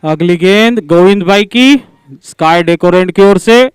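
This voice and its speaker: Very clear, high-voiced male cricket announcer. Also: unhurried, no room sound. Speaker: cricket commentator and score announcer. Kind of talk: live cricket scoring commentary.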